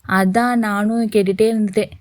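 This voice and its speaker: A woman's voice: mid-range voice, fairly even intonation, moderate pace, darkish tone, no echo, studio quality, natural voice. A woman voicing a nervous, polite young man who frets to himself, read as part of a story.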